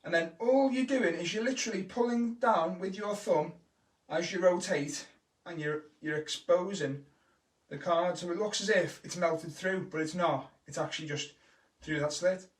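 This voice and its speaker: Speaking at a normal pace in a high voice, this Scouse man from Liverpool, England, works as a kids' entertainer teaching magic in a casual live-stream tutorial. He's encouraging and chatty, speeding up when excited, with a far-off mic and roomy echo.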